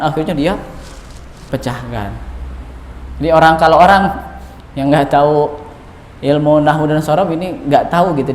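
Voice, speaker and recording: Male preacher, chatty lecture with fillers; distant echoey hall sound, faint hiss. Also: a little high. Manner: conversational, frequent "gitu, ya" fillers. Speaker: Islamic preacher. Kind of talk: mosque study lecture. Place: mosque hall.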